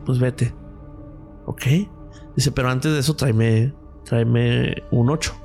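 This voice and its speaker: A man with a Mexican Spanish accent tells a story as a guest on a podcast, and he voices each person in it as he goes. His voice is mellow and warm at a middle pitch. Faint music plays behind him. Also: unhurried, vocal fry. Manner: lively storyteller, acts out quoted dialogue. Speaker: radiologist guest.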